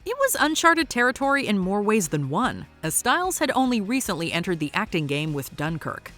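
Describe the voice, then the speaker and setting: A woman's voice: mid-range voice, sing-song, fairly quick, a bit bright, soft background music. A woman delivering upbeat scripted commentary as the narrator of a countdown video.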